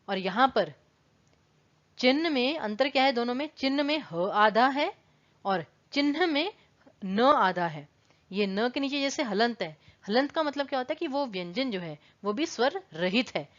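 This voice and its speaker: A woman's voice: on the high side, highs cut off. A woman teaching an online exam-prep lesson, explaining patiently and repeating words to contrast their pronunciation. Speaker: Hindi teacher.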